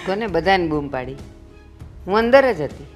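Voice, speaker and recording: An actress playing a middle-aged, sharp-tongued mother-in-law who bluntly scolds and mocks her son-in-law. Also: lowish voice, expressive, moderate pace, soft background music, close to an everyday voice. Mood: scolding.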